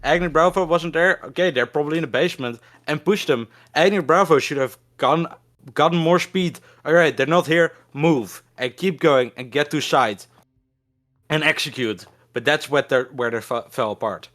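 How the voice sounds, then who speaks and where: A woman giving excited play-by-play commentary on an esports match. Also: low voice, normal speed. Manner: excitable, speeds up on big plays.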